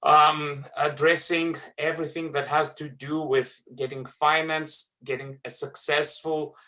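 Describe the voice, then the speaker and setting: Man, bright clear voice, webinar trainer, earnest, lots of fillers. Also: a little high, flat delivery. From Greece. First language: Greek. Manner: earnest, halting with many fillers and restarts. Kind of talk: presenting a webinar.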